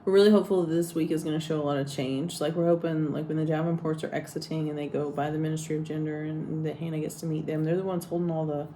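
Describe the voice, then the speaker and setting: A woman's voice: low-pitched, little pitch movement, fast, few pauses, mellow, a little hiss or hum. A woman vlogging in casual chat, rambling and teasing as she talks about her day. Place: hotel room abroad.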